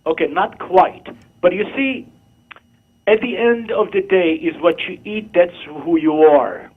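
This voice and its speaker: Over a tinny phone connection, a caller in his fifties from Morocco presses his point in a call-in discussion, using short, earnest, insistent phrases. He speaks unhurriedly in a high, slightly rough voice.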